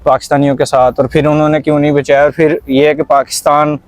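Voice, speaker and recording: A young Pakistani man with a Punjabi accent hosts a relaxed, conversational vlog, blending Punjabi and English words as he talks. His voice is fairly high and level in tone, he speaks quickly, and the recording is dry.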